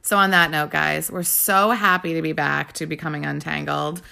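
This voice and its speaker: A woman's voice: low-pitched, flat delivery, normal speed, gravelly, bright, forceful tone. A woman co-hosting a podcast, chatting casually as a bubbly, giggly, rambling storyteller. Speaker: podcast co-host. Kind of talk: casual chat.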